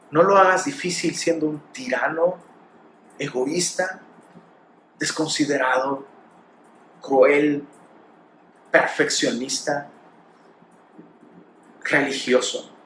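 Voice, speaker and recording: A man's voice: fairly high pitch, a bit bright, echoey room, a little hiss or hum. A man with a Mexican Spanish accent preaching a sermon, pressing his points with rhetorical questions and acted quotes. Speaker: pastor.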